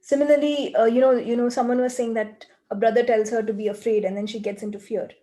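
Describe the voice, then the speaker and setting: A woman leading a group coaching call, explaining earnestly and slipping into quiet, rapid repeated phrases. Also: fairly high pitch, steady tone.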